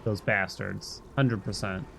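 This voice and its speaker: A man's lowish, slow voice with vocal fry chats casually with viewers while he livestreams a game. He rambles playfully and breaks into nonsense sounds, with loud video game music behind him and slight background noise.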